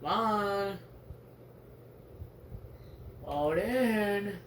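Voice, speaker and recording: A young player giving let's play commentary while gaming, full of excitable trash talk and shouted taunts. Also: medium pitch, very slow, a little hiss or hum. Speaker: gamer. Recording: roomy, distant mic, loud game music. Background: loud game music.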